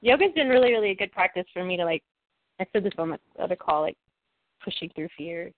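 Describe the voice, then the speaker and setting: A woman's voice: on the low side, animated, fast. A woman chatting casually on a group call, rambling with many likes and you knows. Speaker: group discussion member. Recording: tinny phone-like call audio.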